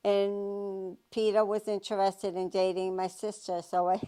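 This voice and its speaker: A woman's voice: mid-range voice, level tone, unhurried, mellow, smooth. A woman in her seventies from Boston, speaking with a Boston accent. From Boston, Massachusetts, USA. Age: 70s. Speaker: interviewee. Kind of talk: reading word lists and sentences aloud, then casual personal storytelling.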